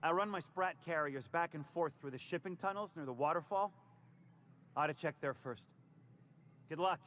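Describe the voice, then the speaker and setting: A man's voice: fairly high pitch, moderate pace, a bit bright, slight background noise, lightly acted. An actor playing a slippery, evasive male hustler in a video game, talking in stammering, wheedling sales patter. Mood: flustered. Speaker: game character.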